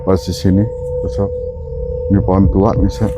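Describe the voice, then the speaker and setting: A man presenting a night paranormal vlog in short, halting phrases addressed to viewers. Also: sits low, completely flat delivery. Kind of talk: night ghost-hunt vlog commentary. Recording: dull lo-fi audio, loud eerie music. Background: loud music with singing-bowl tones.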